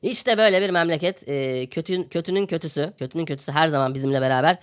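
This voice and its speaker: A man's voice: on the high side, fast, clear, resonant tone. A man hosting a podcast, giving satirical news commentary in a sarcastic, ranting manner and repeating phrases for comic effect. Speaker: podcast host.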